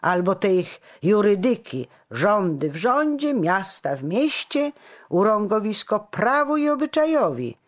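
Reader voicing an indignant gossiping burgher. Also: male voice, high-pitched, very animated, measured pace, voice pushed up. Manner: heated grumbling complaint. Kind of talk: audiobook character voice.

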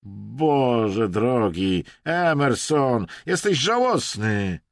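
A man's voice: medium pitch, big pitch swings, very slow, dry recording, studio quality, pitched above the performer's own voice, exaggerated voice. A man voicing a whiny, hysterical male traveller with a tearful voice, reading an audiobook. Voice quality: tearful, whining.

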